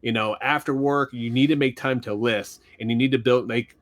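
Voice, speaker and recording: A man's voice: medium pitch, fairly even intonation, moderate pace, a bit bright. Philly accent guy, middle voice, rambly casual podcast chat, laughs a lot. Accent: Philadelphia. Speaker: podcast co-host.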